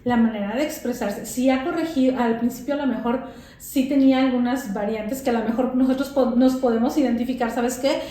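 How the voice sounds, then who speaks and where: A woman, a guest English teacher, explaining with examples in a casual interview and pausing to find her words. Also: a little high, warm tone. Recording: very echoey room with faint noise.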